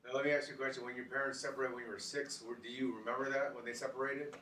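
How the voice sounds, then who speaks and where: A man interviewing casually, asking informal questions with halting follow-ups. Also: mid-range voice, level tone, bright, forceful tone, distant mic. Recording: roomy, off-mic, faint background noise.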